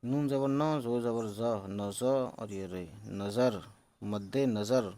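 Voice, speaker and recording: Male teacher, slow patient spelling drills, English words slipped in. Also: mid-range voice, dark tone. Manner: slow, patient syllable-by-syllable sounding out; mixes English words into explanations. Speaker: Urdu teacher.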